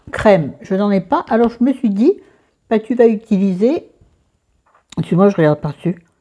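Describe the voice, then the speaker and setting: On a muffled recording, a middle-aged woman with a southern French accent and a dark, mid-range voice chats about makeup and skincare with plenty of self-mockery. She's a chatty beauty vlogger who talks to viewers and friends by name.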